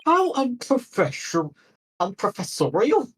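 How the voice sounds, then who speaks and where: Man putting on a pompous, high-pitched theatrical professor. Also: wildly swooping pitch, measured pace, fairly bright tone, recorded from a distance, a little hiss or hum, heavily acted. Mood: pompous, disapproving. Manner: grandiloquent, exclaiming, flowery. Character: flamboyant, pompous male law professor, grandly theatrical.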